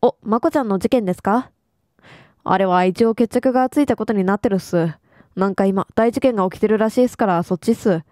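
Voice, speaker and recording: A woman's voice: mid-range voice, a little fast, a little mellow, dry recording, studio quality, close to an everyday voice. A woman reading the lines of a loyal, earnest young male police detective from a game, with a stammering, clipped way of ending sentences. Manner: ends sentences with a rough "ssu", stammers.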